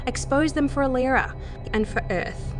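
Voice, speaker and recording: Over loud music, a woman acts the part of a harried, fearful, guarded scientist on Mars in an audio drama, speaking in a flustered, clipped way. Her high-pitched voice comes at normal speed, lightly acted and anxious.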